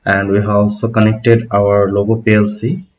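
Man, thirties, low voice, steady step-by-step tutorial, dull lo-fi mic. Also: normal speed. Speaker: automation instructor. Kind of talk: screen-recorded technical tutorial. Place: small room at a desk. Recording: dull lo-fi home recording.

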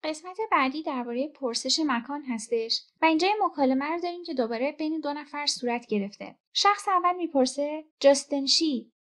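A woman giving a scripted language lesson, speaking clearly and patiently and repeating each example slowly. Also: sits high, a bit bright. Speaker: language teacher.

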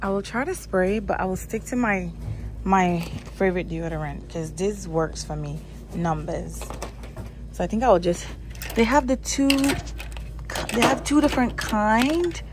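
A woman's voice: mid-range voice, a little slow, background noise. A woman vlogging as she shops in a store aisle, chatting casually and thinking aloud, often repeating herself, recorded on a handheld phone. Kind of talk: casual shopping vlog narration. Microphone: handheld phone camera.

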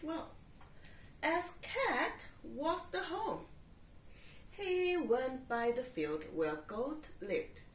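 A woman's voice: sits high, very animated, very slow. A woman reading a picture book aloud with props, playful and talking to young listeners. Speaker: storyteller. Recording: roomy, distant mic, faint hiss.

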